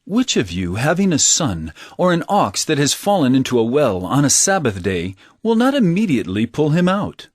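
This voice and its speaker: An actor playing Jesus as an earnest teacher of parables in an audio drama, speaking in measured, emphatic oratory. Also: male voice, medium pitch, huge pitch swings, dry recording, studio quality. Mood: instructive, earnest. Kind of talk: audio drama Bible acting.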